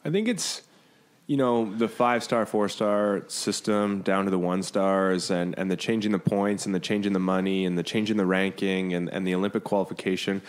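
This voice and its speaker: A man, a beach volleyball player, chatting on a podcast in a quick, self-correcting way. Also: low-pitched, steady tone, soft background music. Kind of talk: casual chat.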